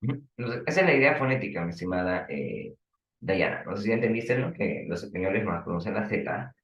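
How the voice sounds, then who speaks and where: A man's voice: deep voice, lively intonation, brisk, a bit bright, reverberant, dull audio. Peruvian teacher quizzing his students. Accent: Peruvian Spanish. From Peru. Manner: questioning students, explaining with examples. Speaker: language teacher. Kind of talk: online class lecture.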